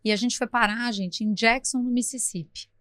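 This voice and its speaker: A middle-aged woman from Brazil, a podcast guest who tells her story in a lively, talkative way, acting out sounds as she goes. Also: on the high side, normal speed, no echo, studio quality.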